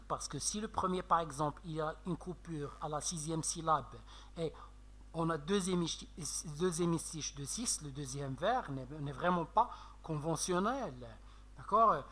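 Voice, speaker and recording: A man teaching a French literature lesson with a Moroccan French accent, explaining slowly with many fillers and checks of "d'accord?". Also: on the high side, sharp tone, slight background noise. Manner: slow, explanatory, frequent "euh" and "d'accord?". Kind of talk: classroom lecture on poetry analysis.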